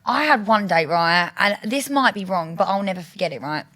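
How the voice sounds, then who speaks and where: A young woman chats as a podcast guest. She is blunt and sarcastic, and she speaks her mind. Her voice has a medium pitch. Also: animated, brisk, fairly bright tone. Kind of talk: casual chat.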